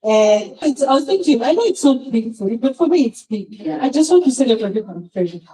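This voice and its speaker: A woman recounting how she was surprised on her birthday, animated and acting out what was said back and forth. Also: on the high side, fairly quick, far from the mic, poor audio. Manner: animated, acts out quoted dialogue. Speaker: guest of honor. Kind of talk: telling a personal story.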